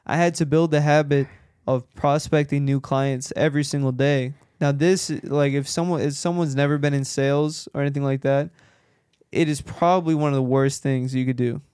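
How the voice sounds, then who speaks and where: A man, a podcast host who works in real estate, chatting casually and telling animated stories. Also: medium pitch, moderate pace, clean tone, no echo, studio quality. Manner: animated storyteller who acts out quoted dialogue.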